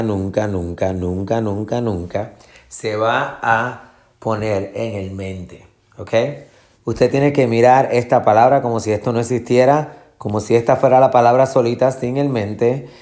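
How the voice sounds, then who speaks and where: A man teaching a Spanish lesson, explaining patiently and repeating words slowly to show where the stress falls, with English fillers mixed in. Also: medium pitch, mellow. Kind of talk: classroom lesson.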